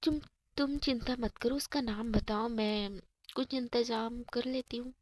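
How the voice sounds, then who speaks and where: A woman voicing a calm, protective schoolgirl. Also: a little high, unhurried, no echo, clean studio sound. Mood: reassuring. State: has a cold.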